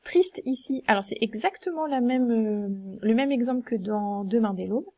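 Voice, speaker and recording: Woman teacher, recorded lesson, patient, hesitant, a bit high and warm. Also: normal speed, no room sound. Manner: patient, explains step by step with many hesitations. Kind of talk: recorded lesson correcting a versification exercise.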